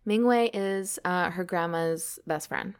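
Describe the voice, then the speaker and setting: A woman's voice: fairly low pitch, measured pace, smooth. A woman co-host reading a novel aloud, with casual commentary along the way.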